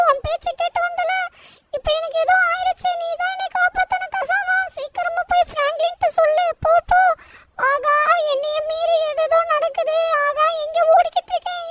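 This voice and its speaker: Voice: very high-pitched, steady tone, fairly quick, a bit bright, distant mic, a little hiss or hum, pitched above the performer's own voice. A performer voicing a cheeky, easily panicked little cartoon boy who begs frantically in a comic game voice-over. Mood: panicky pleading. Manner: frantic pleading, constant "sir, sir" begging.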